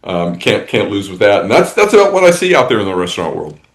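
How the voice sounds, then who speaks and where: A man's voice: fairly low pitch, sing-song, fast, low-quality recording. A man talking as a tourism industry guest in a casual interview, rambling along with many restarts and fillers.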